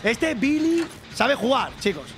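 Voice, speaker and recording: A young man from streaming a game, chatting to viewers and shouting and swearing at the action. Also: extremely high pitch, very animated, measured pace, a little hiss or hum. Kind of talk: live gameplay commentary.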